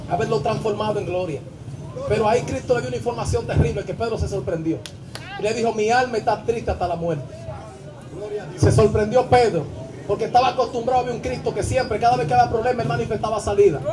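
A man preaching an impassioned live sermon, shouting and chanting his exhortations in a sing-song way. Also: sits high, noisy background. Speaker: evangelist preacher. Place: church service. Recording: live church audio with music and crowd. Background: music and congregation.

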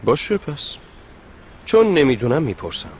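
A man dubbing an earnest husband who reasons calmly. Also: medium pitch, slight background noise.

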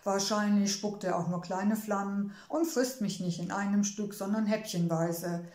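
A spirited, indignant young princess from a storybook, as a woman reader puts her on, raising her voice higher in sarcastic outbursts. A roomy echo surrounds the reading. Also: steady tone, moderate pace, a little mellow, close to an everyday voice. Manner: agitated, sarcastic, exclaiming.

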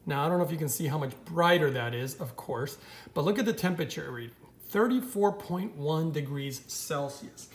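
A man's voice: on the high side, expressive, moderate pace. Enthusiastic man explaining on-screen images, echoey room. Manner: enthusiastic, explanatory, calls viewers guys. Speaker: vlogger. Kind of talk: off-camera screen walkthrough.

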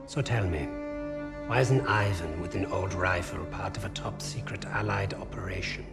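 An actor in his thirties playing a coldly polite, menacing Nazi interrogator in a video game, speaking softly and deliberately. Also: deep voice, gravelly. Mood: quiet menace. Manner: soft-spoken, deliberate, menacing. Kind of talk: dramatic video game acting. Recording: loud music behind the voice.

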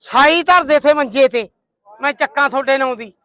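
Punjabi guy, really high bright voice, hearty market banter, haggling like a livestock trader. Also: a little fast, no room sound. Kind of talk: loud market bargaining banter.

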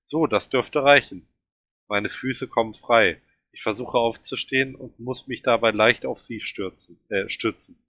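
Ein Mann liest einen Roman dramatisch und angespannt vor. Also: male voice, medium pitch, fairly even intonation, normal speed, bright, forceful tone, dry recording, muffled recording. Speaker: reader. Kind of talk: reading a novel aloud.

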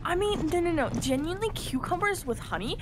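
Animated woman in noisy voice chat. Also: very high voice, a little fast. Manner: animated, insistent, laughs often. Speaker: friend on a stream voice chat. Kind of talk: casual group chat.

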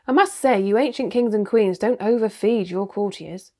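A woman reading the lines of a gruff, blunt male dwarf soldier in a storybook, with a practical, grumbling manner. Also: medium pitch, moderate pace, darkish tone, lightly acted. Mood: wry.

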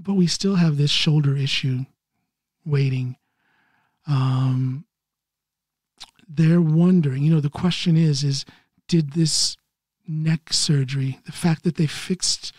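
A man in his early fifties from Ohio, hosting a solo podcast while recovering from neck surgery, talking haltingly and clearing his throat often. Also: a little high, darkish tone, no room sound, studio quality. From Ohio, USA. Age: 50s. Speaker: podcast host. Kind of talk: casual solo podcast monologue.

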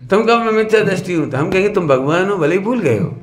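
A man giving a sermon in a lively, questioning way, who sometimes sings verse lines. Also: high voice, fast. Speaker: religious teacher. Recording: echoey hall with some noise.

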